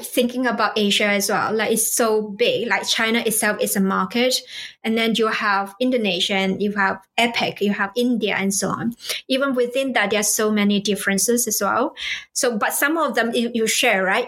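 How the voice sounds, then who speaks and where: A woman's voice: mid-range voice, a bit bright. A woman from Malaysia, a guest speaker explaining cultural ideas in a conversational way, with rhetorical questions and many fillers. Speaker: guest expert on cross-cultural business.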